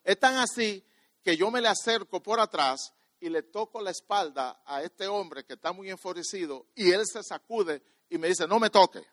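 A man preaching a sermon, telling a personal story, often repeating and restarting words and swinging between quiet and loud. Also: sits high, expressive, normal speed, no room sound.

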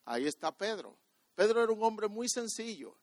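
A man preaching a sermon, telling a personal story, often repeating and restarting words and swinging between quiet and loud. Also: sits high, sing-song, moderate pace, no room sound.

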